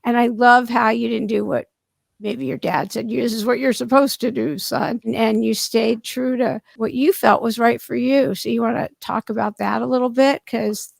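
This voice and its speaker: Podcast host: woman, high and gravelly voice, chatty and upbeat. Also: fairly even intonation, moderate pace, dry recording. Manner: chatty and enthusiastic. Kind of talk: interview.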